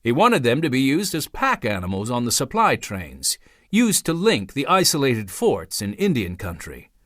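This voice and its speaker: A man doing a calm army captain father. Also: medium pitch, moderate pace, dry recording, studio quality. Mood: amused. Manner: calm, explaining, amused. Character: good-humored army captain father, middle-aged.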